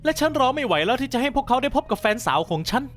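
An actor voicing a smug, teasing nerdy teenage boy in an animated story dub. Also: very high-pitched, soft background music. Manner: smug, teasing, quick-talking. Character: nerdy teen boy blackmailing a cheerleader, smug.

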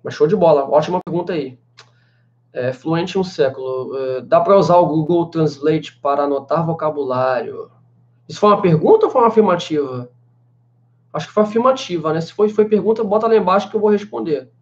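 A Brazilian language teacher in his twenties answers live-stream questions chattily, with plenty of fillers like "né" and "cara." His voice is fairly high, a little fast, and darkish. He sits in a small indoor room with a banner behind him, captured in slightly dull, lo-fi webcam sound.

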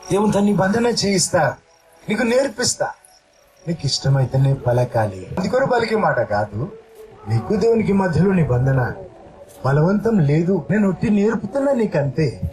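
A pastor preaching a sermon and then leading the congregation line by line in an earnest spoken prayer, returning again and again to a repeated call to the Lord. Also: male voice, a little high, poor audio. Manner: repeats the invocation to Jesus again and again, rising to loud calls.

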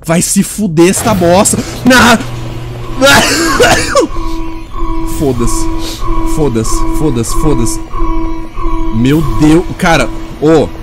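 A man's voice: on the high side, animated, very slow, pauses often, over loud music. A young man commentating a horror game, swearing constantly and sounding exasperated and shaken. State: sweaty and shaken. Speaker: gamer.

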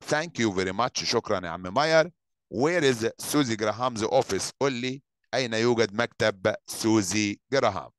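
A male teacher with an Egyptian accent, reading an English story in slow, careful lines and explaining each one quickly in Arabic. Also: fairly low pitch, fairly bright tone, dry recording. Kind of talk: reading a story aloud and translating it.

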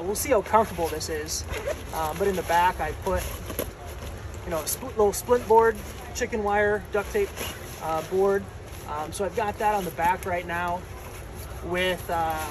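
A man in his thirties talks through a gear review in a loose, unscripted way, filling pauses with ums as he points things out. His voice sits a little high for a man. Clear background noise runs under the phone recording. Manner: relaxed, many ums, shows items while talking. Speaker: volunteer ski patroller. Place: snowy outdoor deck, then indoor garage.

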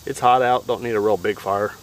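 A man casually narrating his camp cooking outdoors in the woods, relaxed and plain-spoken, giving practical tips. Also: fairly low pitch, fairly quick, slight background noise. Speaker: outdoors vlogger.

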